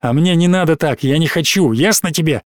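A man's voice: fairly high pitch, brisk, no room sound, studio quality, lightly acted. A man reading an audiobook, voicing a drunk, angry teenage boy who hisses with scorn. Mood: hissing. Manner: scornful, hissing.

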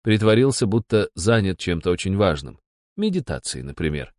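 A man narrating a first-person story with a steady, wry delivery. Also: low-pitched, moderate pace, no room sound, studio quality.

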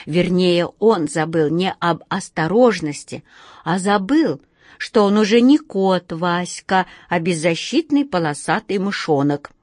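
A woman's voice: on the low side, animated, measured pace, darkish tone, dry recording, clean studio sound. A woman narrating a children's story expressively, speaking directly to her listeners.

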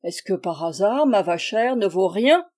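A woman's voice: mid-range voice, lively intonation, a little slow, darkish tone. A woman reading aloud, voicing a proud, touchy provincial spinster who plays hostess, in a prim, affronted manner. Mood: offended.

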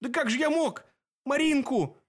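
A man voicing Dan, a frightened, clumsy young werewolf who pleads in a high, breaking voice. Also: lively intonation, a little fast. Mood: pleading.

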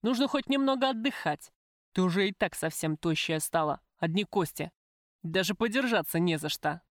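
A woman's voice: lowish voice, animated, normal speed, dry recording, clean studio sound, natural voice. A woman voicing a coarse, possessive middle-aged male crime boss in an audiobook, crude and wheedling, then threatening. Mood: coaxing. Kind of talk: audiobook character voice.

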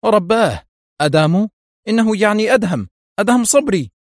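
A man voicing a scheming male mafia lieutenant who taunts, then shouts in alarm. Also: high voice, expressive, a little fast, no echo, studio quality, voice pushed up. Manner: mocking, turns panicked and shouting.

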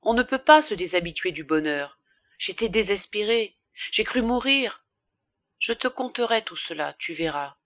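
A woman's voice: mid-range voice, expressive, normal speed, dry recording, muffled recording, natural voice. A woman voicing a desperate young wife pleading with her former lover, in a dry audiobook reading. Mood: tender pleading. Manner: pleading, rising and forceful when upset. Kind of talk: audiobook character voice.

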